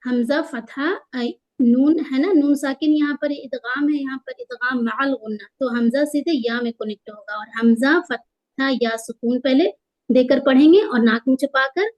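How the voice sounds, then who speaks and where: A woman teaching Quran tajweed, patiently explaining the rules and slowing down to stretch out each recited word. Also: high-pitched, a little mellow, rough recording. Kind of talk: tajweed lesson, spelling out letters and drawing out recited words.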